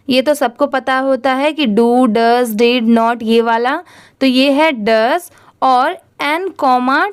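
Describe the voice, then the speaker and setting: A woman's voice: high-pitched, smooth. A woman teaching English reading. She spells each word letter by letter, asks the class what it says, and then answers herself. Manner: asks students questions and answers them herself.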